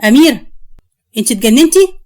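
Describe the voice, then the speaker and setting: A curt, impatient young Egyptian husband who brushes everyone off, voiced by a woman storyteller. Her high voice stays close to its own sound. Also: expressive, quick pace, a little mellow. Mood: irritated. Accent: Egyptian Arabic.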